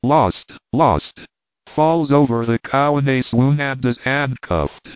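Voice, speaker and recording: A man's voice: mid-range voice, fairly even intonation, measured pace, clear, resonant tone, no room sound. Male audiobook narrator, tinny sound. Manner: dry, wry storytelling. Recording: dry, tinny phone-like sound.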